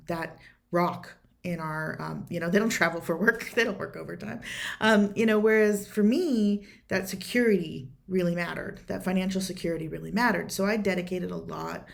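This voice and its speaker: A woman's voice: on the low side, moderate pace, vocal fry. A woman hosting a podcast, talking earnestly in a casual personal monologue, rambling with many fillers and restarts. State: choked up with emotion at times. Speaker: podcast host answering a listener question.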